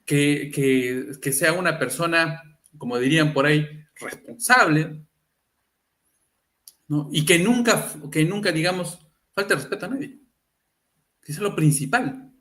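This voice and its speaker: A livestream host with a slightly high, unhurried, fairly bright voice runs a casual live talk. He keeps throwing rhetorical questions at his listeners and acts out the people he quotes.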